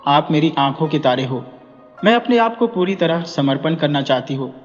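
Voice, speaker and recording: A man's voice: a little high, expressive, moderate pace, close to an everyday voice. Storybook: man doing a cunning village wife, sugary and coaxing, raised voice, dull echo. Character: clever village wife, feigning sweet affection. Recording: dull echoey recording with music.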